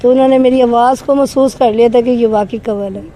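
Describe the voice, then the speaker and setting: A woman with a high, soft, mellow voice tells her own story in an interview. Her voice trembles, and she speaks in an earnest, emotional way. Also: steady tone. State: trembling voice, shaken. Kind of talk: recounting a personal experience in an interview.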